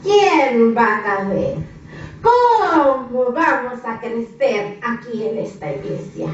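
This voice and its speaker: Woman preacher, high voice, impassioned repetitive sermon, church hall, heavy reverb, distant and dull. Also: big pitch swings, slow.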